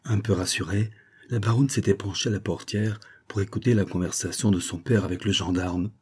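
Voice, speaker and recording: A man narrates an audiobook in a steady, measured way. His voice sits low and sounds dark and mellow, with a husky edge.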